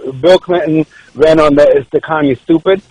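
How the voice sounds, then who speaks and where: A man's voice: fairly high pitch, fairly even intonation, fast talker, darkish tone, no echo, rough recording. A man from Ethiopia, a political candidate guesting on a radio show, making his case earnestly and often repeating words as he restarts. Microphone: radio studio microphone.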